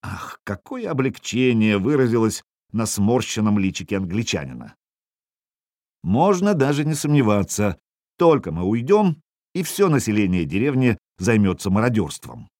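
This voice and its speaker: Male audiobook narrator, lowish voice with a lively, swinging delivery, dry close sound, wry first-person telling. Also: normal speed, no room sound. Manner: wry, expressive, voices the dialogue.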